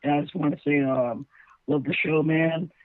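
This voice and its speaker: A man's voice: a little high, fairly even intonation, moderate pace, narrow, tinny audio, a little hiss or hum, pitched below the performer's own voice, lightly acted. A man playing a gushing young superfan bro.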